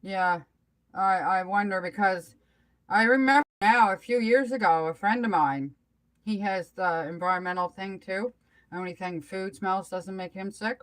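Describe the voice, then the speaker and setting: Recorded at low quality, this middle-aged or older woman chats on a live stream in a rambling, faltering manner, trailing off before finishing her thoughts. She speaks at a medium pitch with a slightly bright sound.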